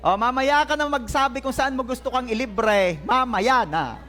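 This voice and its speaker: A man's voice: very high voice, normal speed, bright, forceful tone. A man preaching a sermon in a church, joking with the congregation in a playful way. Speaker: pastor. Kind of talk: lively sermon. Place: church hall. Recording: church service with faint crowd. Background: congregation laughing and responding.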